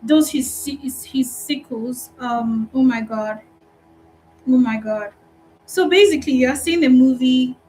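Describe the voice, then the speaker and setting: A woman with a Nigerian accent, a customer support recruiter giving an animated, encouraging talk in a live online training session. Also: high voice, a little slow, soft background music, poor audio.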